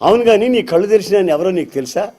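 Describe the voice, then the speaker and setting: A man's voice: high-pitched, lively intonation, quick pace, warm tone. A man preacher voicing a compassionate male savior who questions and urges a troubled man in a sermon story. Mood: gentle questioning. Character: compassionate adult male savior, gently challenging.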